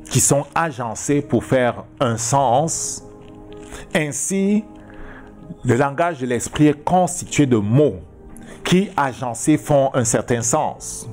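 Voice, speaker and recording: Man, pastor, unhurried teaching sermon, faint music behind. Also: medium pitch, darkish tone. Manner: slow, deliberate teaching with frequent "ok?" and "tu comprends?" checks.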